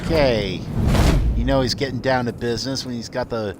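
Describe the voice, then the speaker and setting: A man's voice: medium pitch, fairly quick. A man giving casual let's play commentary, musing aloud as he plays. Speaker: video game player and commentator. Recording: game noise behind the voice. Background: video game sound.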